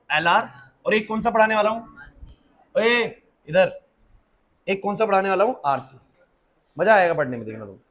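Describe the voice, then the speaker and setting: Brief: male physics tutor, high voice, drills the class with rapid-fire questions and answers, technical terms in English. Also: a bit bright. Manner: drills students with quick questions and answers them himself; mixes English technical terms into his talk. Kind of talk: classroom lecture. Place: classroom with students.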